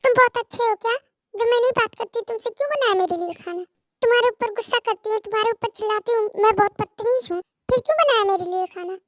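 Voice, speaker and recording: A woman's voice: extremely high pitch, fast talker, no room sound, clean studio sound. A woman playing a touchy, proud young woman with defensive, self-critical outbursts in a fan-dubbed romance drama. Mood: upset.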